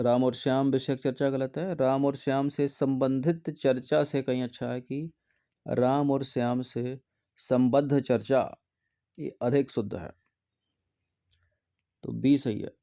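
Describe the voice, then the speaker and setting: A man with a warm, mellow voice works through grammar exam questions one at a time. He reads each option aloud, then checks them methodically and corrects the wrong ones in a steady teaching tone. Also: medium pitch, a little slow.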